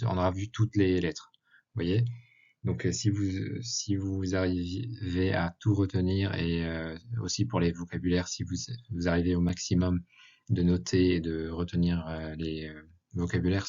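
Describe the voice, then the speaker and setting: A man teaching a language lesson over slides, speaking haltingly with many filler sounds. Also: low-pitched, mellow. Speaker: Arabic teacher. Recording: dull lo-fi recording.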